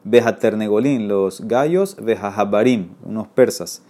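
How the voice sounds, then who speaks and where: Guy teaching a talmud class, mellow low-key tone, reads then explains and asks ok?. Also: unhurried.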